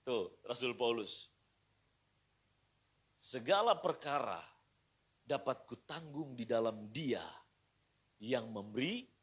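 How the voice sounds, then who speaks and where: A middle-aged man from Indonesia preaching a sermon as pastor at home, moving from quiet asides to shouted praise. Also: medium pitch, husky. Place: pastor's house.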